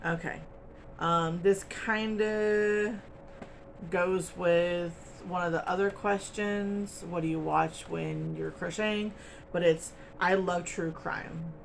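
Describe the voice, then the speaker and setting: A woman hosting a crochet channel talks casually to her camera at home, wandering from point to point with plenty of ums. Her voice has a gravelly edge. A faint hiss of noise sits behind her. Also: fairly low pitch, fairly even intonation, slow. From United States. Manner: chatty, rambling, with frequent ums and little laughs.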